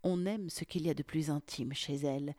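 A woman's voice: low voice, moderate pace, mellow, dry recording, studio quality, natural voice. A woman voicing an adult male lover in whispered role-play, sly and half-whispered. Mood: sly, smug. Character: adult man lover, smug and confident.

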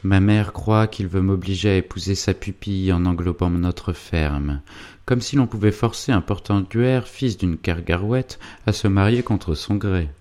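A man's voice: low-pitched, unhurried, a little mellow. A man voicing an earnest, generous young nobleman in a read-aloud novel. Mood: proud.

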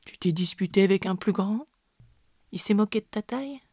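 A man putting on a motherly boar mom, soft, husky, dark, dry sound. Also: high-pitched, fairly quick, no room sound, pitched above the performer's own voice. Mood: tender. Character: gentle mother wild boar.

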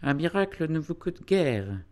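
A man voicing a fawning, greedy middle-aged woman heir in a read-aloud classic novel, shrill and falsely humble. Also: very animated, unhurried. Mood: sugary.

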